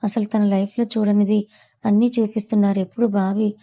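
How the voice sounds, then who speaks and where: A woman telling an audiobook serial in a steady storytelling manner. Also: mid-range voice, a little fast. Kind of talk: audiobook narration of a serial novel.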